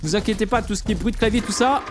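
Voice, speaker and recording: A man's voice: sits high, rapid-fire, noisy background. A man giving casual commentary on a game, explaining things to the viewer in informal, slangy language. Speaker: gaming video host.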